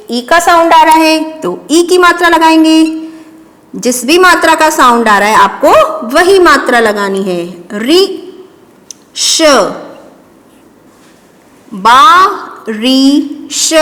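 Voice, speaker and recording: A woman teacher giving a slow dictation lesson to young children, patiently spelling out each word syllable by syllable and repeating it. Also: high-pitched, fairly bright tone, long reverb tail.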